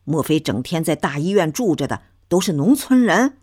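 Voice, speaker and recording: A woman's voice: sits low, very animated, normal speed, darkish tone, slightly rough, heavily acted. A woman voicing a stubborn old grandmother from the countryside who answers back with blunt, folksy retorts. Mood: retorting.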